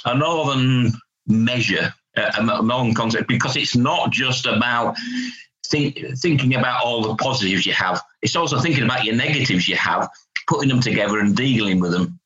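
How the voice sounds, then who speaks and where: Man, Hull accent, northern English, bright forceful voice, plain-spoken, dull lo-fi recording. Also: medium pitch, normal speed. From Hull, England. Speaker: interview guest, psychologist. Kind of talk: conversational expert discussion. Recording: dull lo-fi audio.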